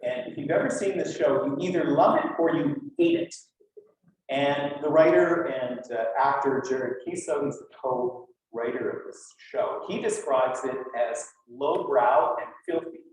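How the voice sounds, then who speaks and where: Speaking at a measured pace in a medium-pitched voice, this Western Canadian man is a linguist lecturing a conference audience. The talk is relaxed and academic, with rhetorical questions and dry humor. Recorded from afar, the room sounds very echoey.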